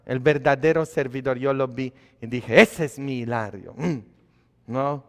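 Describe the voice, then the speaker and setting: A man, a priest, preaching a sermon in a conversational way, asking his congregation questions and shifting between quiet asides and loud emphatic lines. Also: medium pitch, measured pace. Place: church. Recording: long hall reverb of a church.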